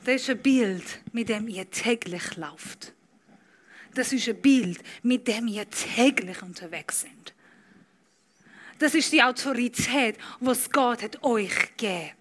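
A woman preaching a sermon with passion, speaking German with non-native grammar and building from quiet to loud. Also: on the high side, animated, slow.

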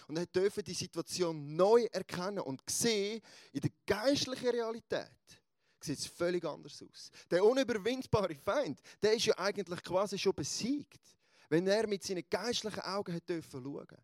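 Male preacher, high voice, dry close sound, animated storyteller. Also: normal speed, no echo. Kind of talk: sermon.

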